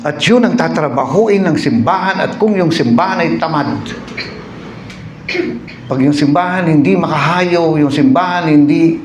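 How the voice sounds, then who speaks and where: A pastor from the Philippines preaching a sermon, telling jokes and stories with frequent asides to the congregation. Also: male voice, fairly high pitch, a little slow, echoey room, background noise. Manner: lively storytelling with jokes and "no?" asides.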